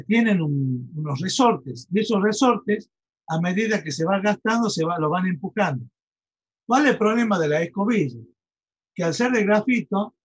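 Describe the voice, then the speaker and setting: Husky high-voiced male engineering lecturer. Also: muffled recording. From Argentina. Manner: explanatory, checks in with students often. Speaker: university lecturer.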